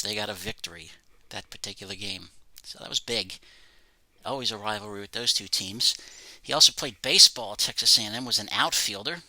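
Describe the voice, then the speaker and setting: A man's voice: mid-range voice, pushed and bright, no room sound, rough recording. A man presenting items from his autograph collection, reading facts about each in a plain, matter-of-fact way. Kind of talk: casual show-and-tell narration.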